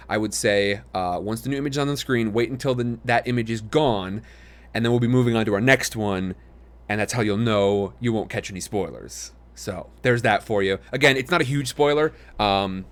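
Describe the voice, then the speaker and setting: A man with a deep, lumberjack-like voice hosts a livestream in a casual, rambling, appreciative way, as someone who reads out submitted scripts. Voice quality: deep, lumberjack-like voice, deeper than usual today. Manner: rambling, appreciative, often thanking. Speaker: host reading listener-submitted scripts on a livestream.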